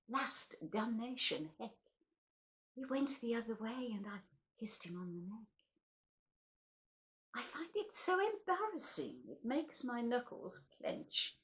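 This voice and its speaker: Her pitch fairly high and her tone fairly bright, a woman hosts a poetry recital. She reads the poems theatrically with wry comedy and introduces them casually.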